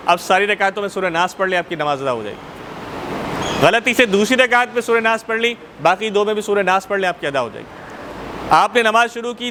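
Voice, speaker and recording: A man's voice: sits high, pushed and bright, slight background noise. A Pakistani man teaching a class on Islamic law in a mosque, repeating points and checking that students understand, in Pakistani Urdu. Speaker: religious teacher.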